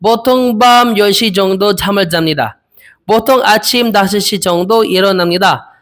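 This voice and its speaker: A young man in his twenties from the Philippines, practicing Korean interview answers aloud, hesitant and repeating each phrase slowly. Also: high-pitched, a bit bright. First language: Filipino. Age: 20s. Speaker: Korean language learner.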